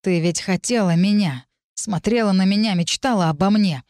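A woman's voice: medium pitch, moderate pace, a little mellow, dry recording, clean studio sound, lightly acted. A woman voicing a volatile young man who pleads desperately and turns menacing. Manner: pleading then menacing, tense.

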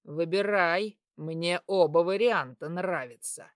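Crude, menacing male satyr for a read-aloud story, woman performer, slow and dry. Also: lowish voice, dry recording, pitched below the performer's own voice. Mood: taunting menace. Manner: crude, taunting, hissing.

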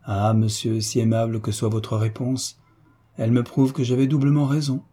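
A man's voice: mid-range voice, monotone, normal speed, mellow, slightly rough, close to an everyday voice. A man voicing a frank, shy young woman at a ball, earnest and hesitant.

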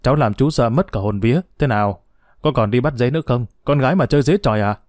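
A man's voice: medium pitch, fast talker, darkish tone, dry recording, clean studio sound, natural voice. A man voicing a remorseful kind village man.

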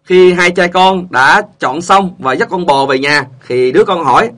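High, bright male joke narrator. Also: lively intonation, moderate pace. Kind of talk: narrating funny stories.

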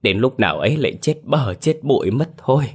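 A man's voice: medium pitch, lively intonation, fairly quick, slightly rough, voice pushed up. A man voicing a frightened middle-aged mother who whimpers and sobs as she speaks in a spoken horror story. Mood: tearful. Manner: whimpering, sobbing speech.

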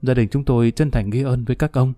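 A man's voice: medium pitch, fairly even intonation, fast, warm tone, dry recording, faint music behind, natural voice. A man voicing a grateful, emotional middle-aged doctor who speaks earnestly and formally. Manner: earnest, formal, effusive thanks.

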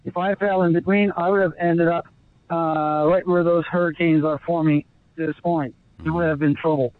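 Man, satellite phone line with delay, tinny phone sound, fairly high voice, halting speech with fillers. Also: fairly even intonation, no echo. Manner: halting, with frequent fillers and restarts. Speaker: ocean rower on an expedition. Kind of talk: remote interview guest. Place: small rowing boat out at sea. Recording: tinny satellite phone line relayed through a video call.

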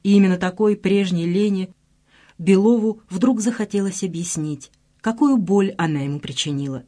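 Audiobook narrator, dramatic expressive reading, mid pitch. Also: moderate pace. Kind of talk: scripted narration.

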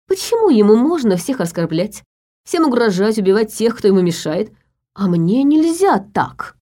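A woman's voice: mid-range voice, sing-song, moderate pace, mellow. A woman voicing a possessed young man who taunts his captive in a cold, mocking way, in an audiobook. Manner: taunting, menacing.

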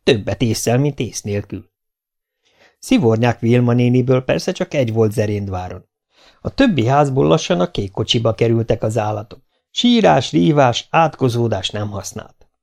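A man reading a children's novel aloud as an audiobook, in steady storytelling narration. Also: medium pitch, creaky. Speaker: audiobook reader.

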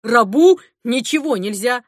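A woman's voice: fairly high pitch, expressive, unhurried, dry recording, clean studio sound. A woman reading as a wry easygoing man. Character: mild middle-aged man, wry and chatty. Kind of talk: audiobook character reading.

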